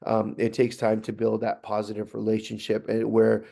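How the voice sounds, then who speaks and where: A man's voice: fairly low pitch, monotone, normal speed, creaky, mellow. A man giving an instructional talk to staff as a trainer, conversational and plain, with frequent fillers and restarts.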